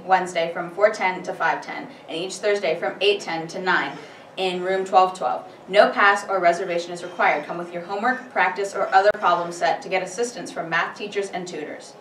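A woman's voice: medium pitch, fairly bright tone. Teen girl reading school announcements. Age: teens. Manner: reading announcements with small slips and restarts. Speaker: student news anchor. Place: school studio room. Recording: echoey room, distant mic, faint hiss.

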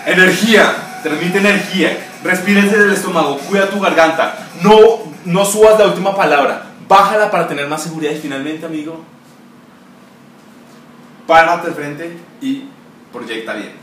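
A young man runs a casual, energetic vlog lesson on speaking up, and he keeps calling the viewer "amigo". His voice sits fairly high for a man. It is recorded from across a very echoey room, with faint noise underneath. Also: moderate pace. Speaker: voice coach vlogger. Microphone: camera mic at a distance. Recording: echoey room, voice far from mic.

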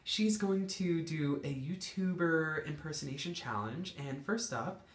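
A woman's voice: sits low, a little slow. A woman hosting a homemade video in casual, playful chat as she asks questions from behind a phone camera. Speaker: interviewer filming a challenge video. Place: small indoor study room. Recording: echoey small room, phone recording.

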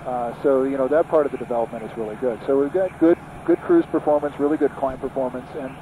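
A man's voice: mid-range voice, steady tone, fast talker, a little hiss or hum, rough recording. Middle-aged man reviewing a plane in flight. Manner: thoughtful, with frequent restarts. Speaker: aviation magazine reviewer. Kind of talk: casual cockpit conversation. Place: small aircraft cockpit in flight. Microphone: headset boom mic. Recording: loud engine drone behind.

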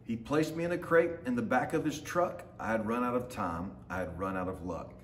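A thirties-aged man with a medium-pitched, brisk voice reads a children's picture book aloud to his students, dropping in short asides as their teacher. He's in a large open indoor lounge with a hard floor, and the recording carries a roomy echo with faint background noise.

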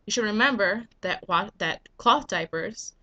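Is she convincing? This young American vlogger and business owner, getting a cold, makes an earnest, emphatic case full of rhetorical questions to a desk webcam in a small room at home. Her mid-range voice is bright and forceful, with lively intonation and a slightly slow pace.

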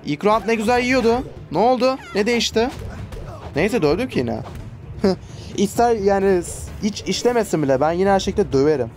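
Man, gaming host, let's play commentary, fairly high voice, exasperated exclamations. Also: expressive, brisk, darkish tone, soft background music. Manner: chatty, exasperated exclamations while fighting.

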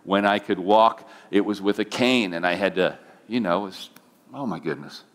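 A man's voice: deep voice, moderate pace. A middle-aged man, a pastor, telling a personal testimony in a sermon, his voice climbing when he gets emotional. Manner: emotional storytelling, voice rising when moved.

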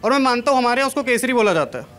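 A man's voice: extremely high pitch, expressive, rapid-fire, fairly bright tone. A young man from Kanpur doing a stand-up comedy set on a large stage, talking into a handheld mic with a chatty, self-deprecating manner. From Kanpur, India. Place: large stage at an event, indoors.

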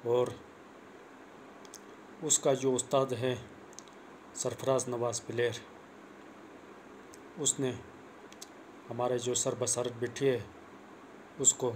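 Young man, slow earnest tutorial, lapel mic, faint room hiss. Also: medium pitch, level tone, a little mellow. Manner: plain, repetitive, earnest instruction. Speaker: cricket coach vlogger. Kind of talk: casual spoken tutorial. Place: small indoor room. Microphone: clip-on lapel mic, phone camera close.

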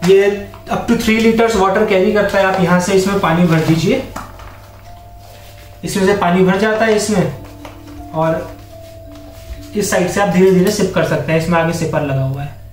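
A young adult man with an Indian accent and a high, steady voice explains camping and hiking gear to camera at a measured pace, pausing often, in a friendly, instructive style mixing Hindi and English. Soft music plays behind him. He's in a bare home room with a wooden floor, recorded by a camera or phone a few metres away, so it sounds echoey and distant.

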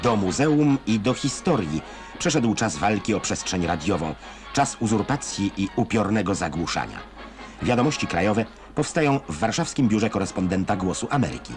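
Low-voiced, wry old newsreel narrator, male. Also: lively intonation, normal speed. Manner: wry, ironic delivery of scripted commentary. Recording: music bed behind narration. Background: music.

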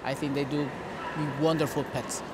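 A middle-aged dog breeder from Costa Rica, a native Spanish speaker with a matching accent, answers interview questions in a conversational manner. His slightly high voice moves little in pitch and keeps a normal speed. Heavy background noise fills the recording, the echoing hubbub of a large indoor dog show hall.

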